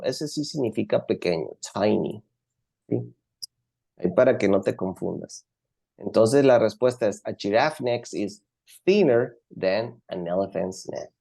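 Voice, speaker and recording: A man's voice: mid-range voice, gravelly, mellow. A man teaching English comparatives in an online class, switching between languages and patiently repeating words for his students.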